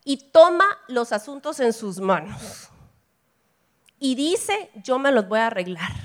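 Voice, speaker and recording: A middle-aged woman with a Central American Spanish accent, preaching a lively sermon and acting out family dialogue. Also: fairly high pitch, takes it slowly. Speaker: preacher at a women's gathering.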